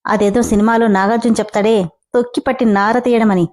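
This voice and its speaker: A woman's voice: fairly high pitch, fairly even intonation, quick pace, darkish tone, lightly acted. A woman reading the lines of a playful young man who runs a company and teases his employee. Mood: teasing. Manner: teasing, joking.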